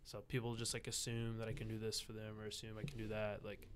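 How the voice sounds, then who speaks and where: A man's voice: on the low side, completely flat delivery, fast, a little hiss or hum. A young man in his twenties, a bouncer guest, telling stories in a rambling way full of fillers and swearing. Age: 20s. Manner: rambling storytelling, packed with "like" and swearing. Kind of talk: casual podcast chat.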